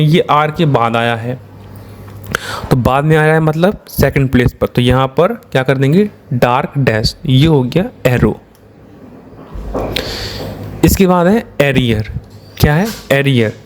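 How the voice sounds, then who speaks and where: A man's voice: on the high side, unhurried, long pauses, a little hiss or hum. A man with an Indian accent teaching shorthand, explaining step by step and answering his own questions. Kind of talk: classroom-style lesson.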